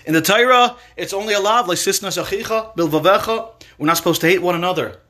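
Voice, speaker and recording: A man's voice: sits high, fast, sharp tone. A man giving a Torah lecture, telling a parable and repeating words for emphasis. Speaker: Torah teacher.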